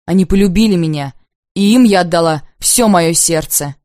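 A woman reading the lines of a proud, bitter unmarried woman in an audiobook, intense and accusing, often slow and heavy. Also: lowish voice, darkish tone, no echo, studio quality, natural voice.

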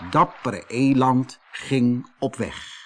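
A man's voice: mid-range voice, drawn-out words, a little hiss or hum. A man reading a children's fairy tale aloud, lifting his voice for the characters' speech. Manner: lively storyteller, lifts his voice for characters' speech. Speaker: storybook reader. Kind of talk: children's audiobook narration.

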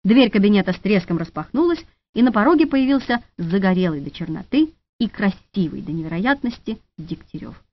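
A woman narrating an audiobook in a lively, expressive reading, in a dull, dry studio recording. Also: mid-range voice, brisk, few pauses, no echo.

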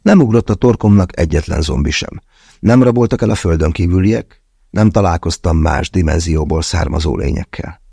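A man narrating a first-person thriller audiobook in a measured, tense way with slow, deliberate pauses. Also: sits low, creaky, dark tone, slightly rough, dry recording, clean studio sound.

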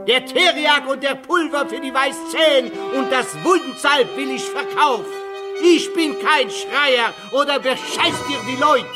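An actor playing a cunning quack peddler, crying his wares like a town crier in broken, foreign-tinged German in a radio play. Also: very high-pitched.

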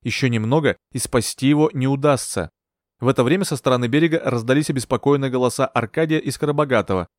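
Male audiobook narrator, measured first-person reading, mid pitch. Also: no room sound, clean studio sound. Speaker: audiobook reader.

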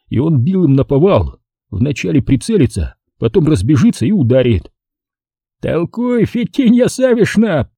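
A man narrating a first-person story as an audiobook, in a measured storytelling manner. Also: medium pitch, creaky, dark tone, slightly rough, no room sound, clean studio sound.

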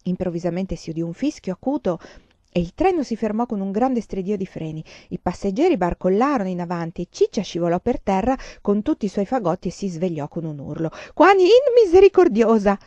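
Woman reading a novel, mellow low-key tone, dry slightly dull recording. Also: expressive, brisk, no echo. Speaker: reader. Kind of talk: audiobook narration.

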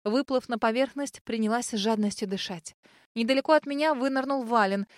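A woman narrating a first-person fantasy audiobook in a lively, expressive manner. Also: a little high, a little fast, dry recording, clean studio sound.

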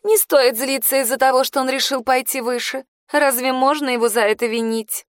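A woman's voice: high-pitched, steady tone, brisk, no room sound, clean studio sound, pitched above the performer's own voice, close to an everyday voice. A woman doing a sneering mean teen girl. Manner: sneering, venomous.

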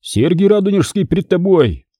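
A man voicing a burly, good-natured village blacksmith who booms and placates. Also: sing-song, moderate pace, warm tone, breathy edge, dry recording, studio quality, full character voice. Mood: placating. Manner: booming, placating.

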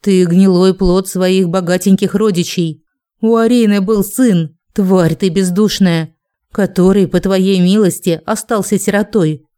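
A woman voicing a cold, proud male dragon in an audiobook, speaking slowly and with contempt. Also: high voice, steady tone, mellow, clean tone. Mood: contemptuous. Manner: slow, contemptuous, menacing.

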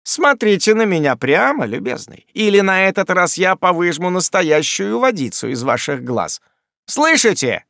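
A brash young manservant with a quick, mocking tongue, as a man reading aloud puts him on, bellowing threats in a high, lively voice that swings all over. Dry, close storybook recording. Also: dry recording. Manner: loud, mocking, threatening shouts.

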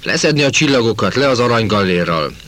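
A man reading the part of an angry young soldier who shouts mockingly at officers. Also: on the low side, lively intonation, voice pushed up. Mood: jeering. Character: angry young male soldier, jeering, rebellious.

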